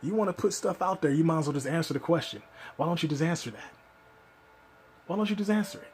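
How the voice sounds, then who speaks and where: A man's voice: fairly high pitch, fast talker, slight background noise. A man giving ranting reaction commentary, scolding and exasperated.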